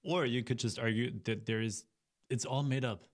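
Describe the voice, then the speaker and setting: Sceptical man giving halting commentary. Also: medium pitch, fairly even intonation. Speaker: reaction commentator. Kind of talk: unscripted critical commentary.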